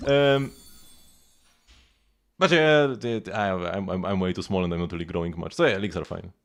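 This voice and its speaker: With game music in the background, a man rambles casually through a live gameplay stream, often putting himself down. He speaks at a normal speed in a deep voice.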